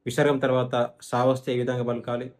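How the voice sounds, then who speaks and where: A man teaching Sanskrit chanting pronunciation, who asks questions and answers them himself and slowly chants verse examples. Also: mid-range voice, completely flat delivery, darkish tone.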